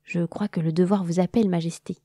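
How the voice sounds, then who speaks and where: A woman's voice: lowish voice, steady tone, quick pace, mellow, no echo, clean studio sound, close to an everyday voice. A woman voicing a kind, courteous male butterfly who watches the garden at night. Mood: warm. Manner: kindly, fussing, courteous.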